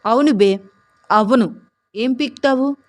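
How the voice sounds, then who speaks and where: A woman's voice: fairly high pitch, measured pace, pitched above the performer's own voice, natural voice. A woman voicing a rude, drunk, corrupt male head constable who bullies and mocks. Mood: mocking. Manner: bullying, mocking, shouting.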